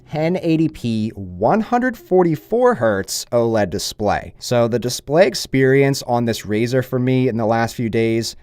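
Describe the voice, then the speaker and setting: Man, mid-range pitch, conversational tech reviewer, upbeat and casual, dry echo-free recording. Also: darkish tone, clear, resonant tone. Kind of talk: conversational product review narration.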